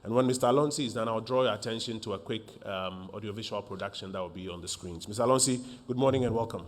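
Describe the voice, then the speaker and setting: A man, a government minister opening a press briefing in a formal, measured way with frequent fillers. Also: lowish voice, a little hiss or hum.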